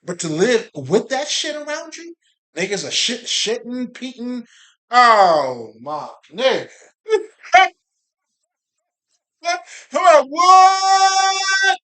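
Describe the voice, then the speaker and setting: This Haitian spiritual video creator's voice is very high-pitched, expressive, bright and forceful, moving very slowly with long pauses. He rambles profanely and casually to his viewers about spirituality, often stopping to laugh and repeat himself.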